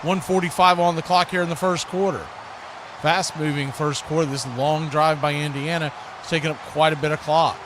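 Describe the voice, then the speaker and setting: A man with a slightly high voice and fairly even intonation calls an American football game live on the radio at normal speed. He describes the play-by-play action in short phrases, and the live stream recording is clearly noisy.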